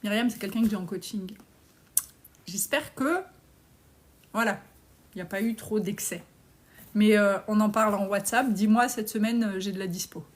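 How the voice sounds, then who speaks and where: A woman's voice: mid-range voice, moderate pace, pauses often. A woman, coaching on personal finance as she answers viewer comments on a live stream in a blunt, outspoken, casual way. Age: 40s.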